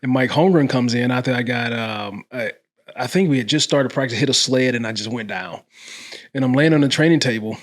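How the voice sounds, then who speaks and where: Male podcast host, medium pitch, ex-player, easygoing, quick to agree. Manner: easygoing, laughs along, quick affirmations. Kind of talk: casual chat.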